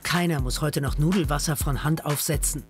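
A narrator of a TV documentary, speaking in a lively, playful scripted style. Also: mid-range voice, a little fast. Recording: voice-over with music.

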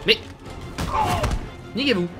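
Over loud music and game sound mixed behind his voice, a man from France unhurriedly narrates his gameplay. This let's-play streamer chats with his audience and swears at them along the way.

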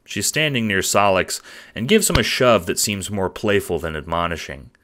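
Deep-voiced male audio drama narrator. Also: expressive, normal speed, bright, forceful tone. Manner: descriptive storytelling. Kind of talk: scripted second-person audio drama narration.

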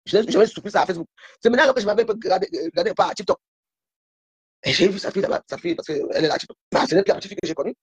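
A woman's voice: medium pitch, racing, breathy edge, no echo. A woman guest on a live stream, complaining in a heated, repetitive way. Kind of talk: casual live-stream chat.

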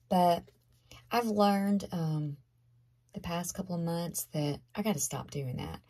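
Hoarse, gravelly Southern woman. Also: fairly low pitch, a little mellow. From Southern United States. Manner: chatty, emphatic, repeats herself. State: hoarse, losing her voice. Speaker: tarot reader. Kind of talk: casual tarot reading to camera.

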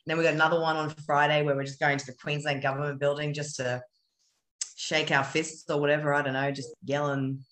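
An Australian woman co-hosting a casual discussion over a video call, telling a story in an animated, agreeable way. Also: sits low, brisk. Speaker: co-host. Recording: roomy echo.

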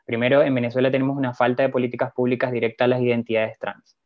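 A man narrating a slide presentation in a measured, hesitant way, pausing with fillers, recorded as a lo-fi voice-over. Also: medium pitch, flat delivery, dry recording. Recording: dull, lo-fi, dry voice-over.

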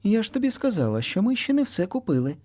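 Storybook mother cat, stern and firm, raised pitch; man performing. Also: sing-song, quick pace, darkish tone. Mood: firm scolding. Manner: firm, scolding. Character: stern mother cat scolding her kitten.

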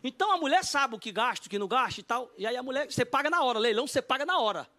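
Male comedian, middle-aged, high pitched and very expressive storyteller. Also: very fast. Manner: animated, jumps into high shouted bids and low asides. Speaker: comedian guest on a talk show. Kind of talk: comic storytelling.

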